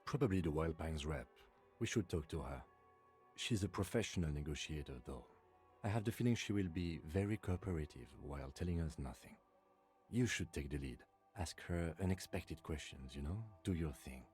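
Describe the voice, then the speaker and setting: Dry, measured police lieutenant. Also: male voice, very deep voice, lively intonation, a little mellow, faint music behind. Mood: calm.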